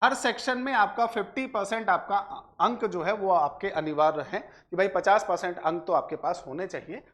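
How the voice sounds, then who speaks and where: A man with a high, slightly bright voice explains exam analysis to students at a moderate pace, with hardly any pauses. As an exam coaching presenter, he addresses viewers directly and keeps repeating filler phrases and check tags.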